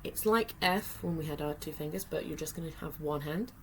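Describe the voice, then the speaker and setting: A woman with a notably low-pitched voice talks learners through a lesson, patient and step by step, with small fillers. A faint hum of room ambience sits behind her. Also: a little fast, a bit bright. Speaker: sign language teacher. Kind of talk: friendly tutorial lesson.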